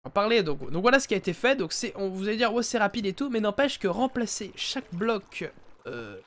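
A let's play streamer talks a little fast into his headset, his high voice swinging widely in pitch. He keeps up casual live commentary on the game and often says ladies and gentlemen to his viewers.

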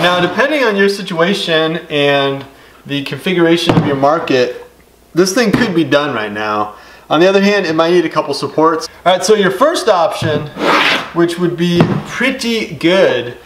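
A middle-aged man walks through a DIY build in a relaxed, step-by-step way, dropping casual fillers as he goes. His voice sits a little high for a man. The sound is roomy and echoey, with clear noise from the garage workshop behind him. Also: normal speed. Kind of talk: casual how-to instruction. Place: home woodworking garage workshop.

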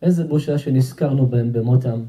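Dark-voiced rabbi giving an emphatic sermon. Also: male voice, mid-range voice. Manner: emphatic, repeats himself, talks directly to the audience. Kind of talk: sermon at a house-warming gathering. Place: home gathering with an audience.

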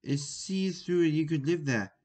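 A man's voice: fairly high pitch, moderate pace, a little mellow, lightly acted. A man reading a dreamy, lovestruck boy. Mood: hopeful. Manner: plain read-aloud dialogue.

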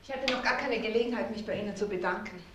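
A woman's voice: medium pitch, quick pace, fairly bright tone, natural voice. An actress playing a gracious, attentive middle-aged businesswoman in a TV drama. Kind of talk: screen drama acting. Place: indoors, large room. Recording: echoey room, noisy old TV soundtrack.

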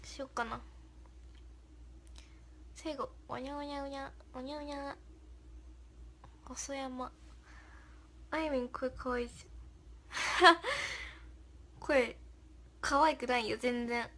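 Young woman, high voice, casual livestream host, giggly, thanks viewers one by one. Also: steady tone, slow, long pauses, a bit bright, slight background noise. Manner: reads viewer comments aloud and thanks them, giggly.

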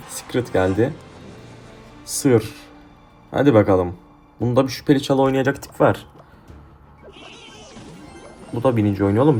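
Young male gamer, mid-pitched, profane heated trash talk over gameplay, faint game music. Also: a little mellow. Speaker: gaming YouTuber. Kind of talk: live mobile game commentary.

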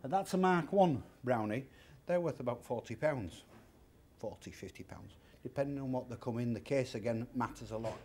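A man's voice: medium pitch, normal speed, dark tone, slight background noise. A man in his fifties who owns a secondhand shop, speaking in an interview and talking plainly through the prices of old items. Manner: chatty, plain-spoken, explains prices step by step. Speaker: warehouse shop owner. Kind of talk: interview and object demonstration. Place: large indoor secondhand furniture warehouse.

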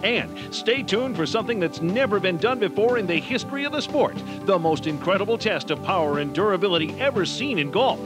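An American man reading scripted infomercial narration with a hard-selling home shopping pitch. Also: lively intonation, fairly quick, hardly any pauses. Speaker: infomercial announcer. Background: music behind the voice.

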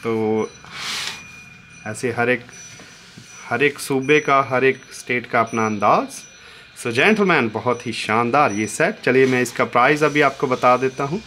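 Keeping his voice low so nobody outside hears, an antique dealer jokes his way through a casual vlog demo of an old tape recorder, chatting with Hindi and English asides. He has a mid-range voice at normal speed, and the room recording is noisy.

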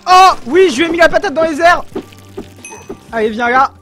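Faint music plays behind a young adult gaming creator commentating on his own gameplay at a moderate pace. His very high voice is full of excited exclamations aimed straight at viewers. He uses a desk mic and has headphones on.

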